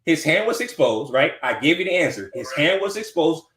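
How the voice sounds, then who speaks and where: A man in his forties hosts a livestream and gets into a heated argument, insisting and repeating himself over and over while talking over the caller. His voice is fairly high and fairly bright, brisk, with big pitch swings, in a reverberant space.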